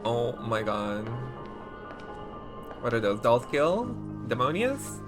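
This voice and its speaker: A game streamer with a mid-range voice gives casual livestream reaction commentary, expressive and full of exclamations, often breaking off mid-thought. Game trailer music plays in the background.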